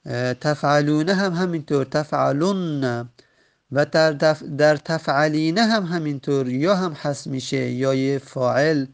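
A man teaching a grammar lesson, patiently explaining and slowly repeating each example word. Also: a little high, creaky.

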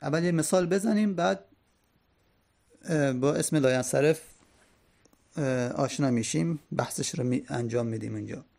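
A man's voice: fairly high pitch, vocal fry, long pauses, a little mellow. A man teaching Arabic grammar, patiently repeating each point and example.

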